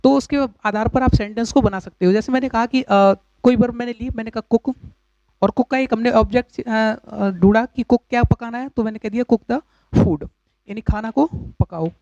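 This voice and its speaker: A man teaching English grammar in a lecture, explaining patiently with pauses and repeated examples. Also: very high-pitched, darkish tone, dry recording. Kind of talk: classroom lecture. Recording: dull, dry lo-fi recording.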